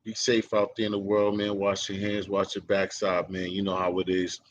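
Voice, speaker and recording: A man's voice: deep voice, completely flat delivery, normal speed, dull audio, a little hiss or hum. A man hosting a casual interview, talking in a loose, rambling way with lots of fillers. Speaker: host.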